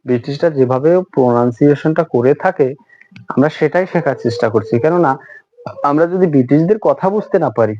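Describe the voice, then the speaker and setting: A man teaching a beginners' spoken English lesson, slow and repetitive, with many hesitant fillers. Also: medium pitch, mellow. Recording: dull lo-fi sound.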